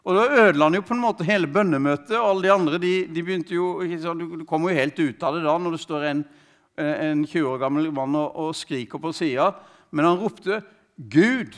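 A man preaching, telling a story in a conversational, hesitant way with many fillers and restarts, and quoting the man he speaks of. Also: on the high side. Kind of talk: sermon storytelling.

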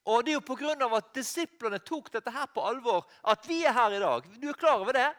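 A Norwegian man preaching a sermon in a high, lively voice that swoops up and down. He talks to the congregation directly, breaks off to fix his own words, and climbs to loud cries at the peaks. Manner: animated preaching, rising to loud cries, with restarts and self-corrections.

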